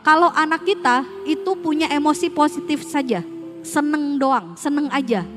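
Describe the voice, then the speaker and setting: A woman's voice: sits high, moderate pace, over music. A woman on a school's staff giving a casual parenting seminar, speaking straight to parents and asking them rhetorical questions. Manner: conversational, mixes casual slang. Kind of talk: parenting seminar talk with slides.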